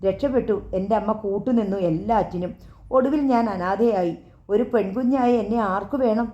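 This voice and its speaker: Woman narrator as hard, unforgiving daughter; mellow, firm delivery, slightly muffled recording. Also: mid-range voice, reverberant, close to an everyday voice. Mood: bitter, firm. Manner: firm, measured, accusing. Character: bitter grown daughter, firm and cold.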